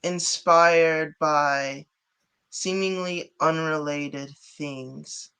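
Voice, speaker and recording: A man's voice: on the high side, steady tone, extremely slow, pushed and bright, smooth. A man from Chicago, a guest artist and rapper, chatting casually in an interview with frequent giggles.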